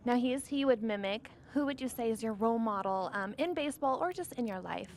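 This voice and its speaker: A woman's voice: a little high, expressive, fast talker, a little mellow, a little hiss or hum. A woman asking conversational questions as a sports interviewer.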